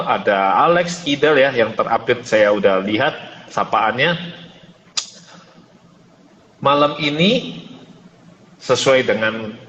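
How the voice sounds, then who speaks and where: A man's voice: mid-range voice, a bit bright, dull audio. A man hosting an online mentoring session, greeting joiners by name and giving an earnest motivational talk, his voice carrying a heavy cathedral-like echo. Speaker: host and business mentor. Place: closed room. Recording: echoey hall with long reverb, faint hiss.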